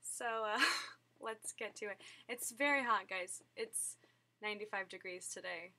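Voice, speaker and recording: A woman's voice: medium pitch, a little slow, bright, forceful tone. A young woman from Southern California chatting casually on her vlog, giggly and full of fillers. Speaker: vlogger. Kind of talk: casual chat.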